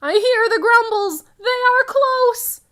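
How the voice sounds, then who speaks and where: A woman's voice: very high voice, slow pace, bright, forceful tone, pitched above the performer's own voice, full character voice. A woman voicing a small young T-Rex in a storybook, earnest, timid and trying to be brave, with dramatic childlike phrasing. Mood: alarmed.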